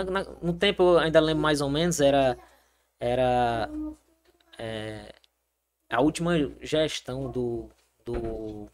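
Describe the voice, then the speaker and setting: A young Brazilian man, a soldier and triathlete, telling his story as a guest in a casual interview, animated and full of fillers and restarts. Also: mid-range voice.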